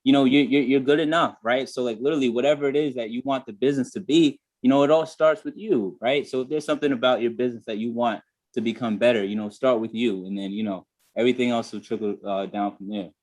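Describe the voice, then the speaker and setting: A man's voice: mid-range voice, quick pace, darkish tone. A man speaks on a group video call in a candid, reflective way. He circles back often with "you know" and "I mean" as he tells a personal story through a call microphone. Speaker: guest.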